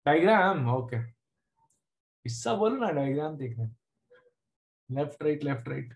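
A man's voice: on the high side, very animated, fast, vocal fry. Casting: male maths teacher, middle-aged, Indian accent, informal live online class, frequent short check-in questions. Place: indoors at a desk, screen-share video class.

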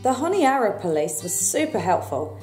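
A woman narrates a sailing travel vlog in an even, informative scripted voice-over. Music runs clearly behind her. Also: mid-range voice, normal speed.

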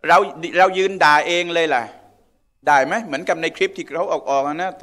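In a mosque, a man speaks at a normal pace with a slightly high, somewhat bright voice. He's a religious teacher whose lecture feels conversational, and he frequently puts questions to his listeners.

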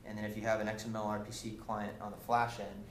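A fast-talking young man with a lowish, monotone voice presents at a technical meetup, explaining casually with many ums and restarts. A camera across the lecture room captured it, leaving the sound echoey with faint hiss.

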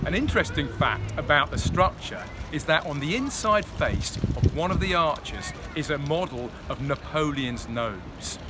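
A man in his thirties explains architecture and history as a tour guide, in a lively storytelling manner. He speaks a bit higher than most men. The recording was made outdoors on a busy street, with clear traffic and city noise around him. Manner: informative, storytelling, gestures while explaining. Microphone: handheld camera at close range.

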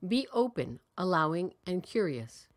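A woman with a voice on the low side leads a guided meditation. She speaks calmly and soothingly at a measured pace, leaving long pauses between phrases.

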